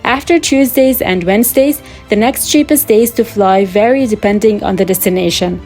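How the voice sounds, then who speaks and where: Young woman, travel vlogger, friendly tips, roomy echo, soft background music. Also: mid-range voice, normal speed. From Lebanon. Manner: friendly, explanatory, gives tips. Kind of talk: scripted vlog narration.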